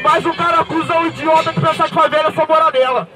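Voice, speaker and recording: A man's voice: very high voice, steady tone, fast. A young man with a slushy lisp, saying sh for s, freestyling combatively in a rap battle. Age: young adult. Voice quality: tongue-tied lisp, slushy sh for s. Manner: combative, shouted delivery. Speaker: battle rapper. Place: outdoor night gathering in a crowd. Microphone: handheld microphone held at the mouth. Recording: live music and crowd behind.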